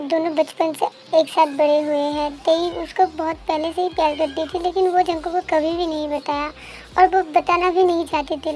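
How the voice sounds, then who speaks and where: A woman voicing a fiercely loyal young woman in a fan-dubbed story, loud, accusing and demanding. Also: sits high, close to an everyday voice. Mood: explaining. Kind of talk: fan dub story voice acting. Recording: faint background music.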